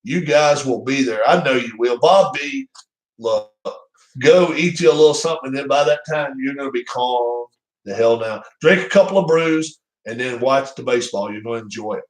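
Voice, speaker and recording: A man's voice: mid-range voice, moderate pace. A man hosting his own channel, chatting casually on a live stream in a rambling, teasing, jokey manner. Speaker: channel host. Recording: roomy echo.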